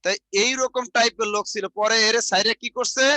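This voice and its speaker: A man with a Barishal Bengali accent teaching an online exam-prep lecture, repeating points slowly for students to write down, with chatty asides. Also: very high-pitched, fairly even intonation, bright, forceful tone, no room sound. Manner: repetitive dictation, chatty asides.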